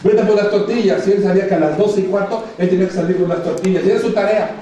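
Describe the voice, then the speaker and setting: A man's voice: sits high, steady tone, very fast, mellow, a little hiss or hum. A man with a Mexican accent, preaching a sermon as pastor, speaking emphatically and acting out dialogue. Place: church hall. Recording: echoey church sound from far off.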